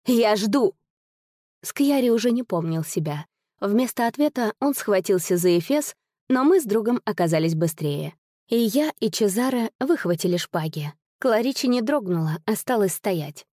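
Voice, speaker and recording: Woman narrating a literary audiobook, mellow. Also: medium pitch, expressive, moderate pace, no room sound, clean studio sound.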